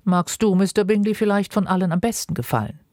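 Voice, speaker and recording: A woman's voice: medium pitch, expressive, fast, a little mellow, no room sound, studio quality, pitched above the performer's own voice, lightly acted. A woman reading aloud and voicing a laconic, drily ironic older husband. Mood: dry, teasing. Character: dry, teasing older husband, unbothered.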